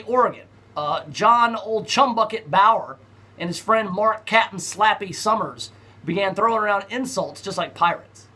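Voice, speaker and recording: A man's voice: high voice, pushed and bright. A man hosting a talk radio show, chatting casually and reading news items aloud with lots of fillers. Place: radio studio.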